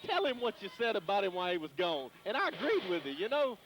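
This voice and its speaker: A man's voice: high voice, big pitch swings, quick pace, a bit bright. A man with a Southern US accent, a wrestler bickering on commentary in a cocky, taunting way.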